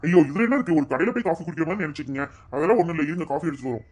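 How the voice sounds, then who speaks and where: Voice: medium pitch, lively intonation, darkish tone, close to an everyday voice. Cartoon father, voiced by an actor, coaxing. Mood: polite. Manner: coaxing, rapid, questioning. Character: caring father of the bride, fond of daughter. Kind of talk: cartoon voice acting.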